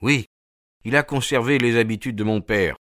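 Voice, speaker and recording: A man voicing a nervous, fussy gentleman who talks in an anxious, hurried way. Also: mid-range voice, no echo, studio quality, voice pushed up, lightly acted.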